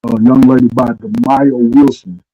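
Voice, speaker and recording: A man's voice: mid-range voice, fairly even intonation, normal speed, dark tone, no echo, muffled recording. A man, co-hosting a casual podcast and telling stories with emphasis. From Arkansas, USA. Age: 40s. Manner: storytelling, emphatic. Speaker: podcast co-host. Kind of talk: casual chat.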